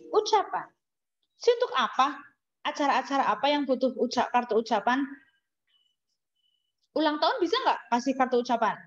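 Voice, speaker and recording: A woman with an Indonesian accent teaching an English lesson, chatty and teasing, asking questions and answering them herself. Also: sits high. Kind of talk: classroom lesson. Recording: dull lo-fi recording.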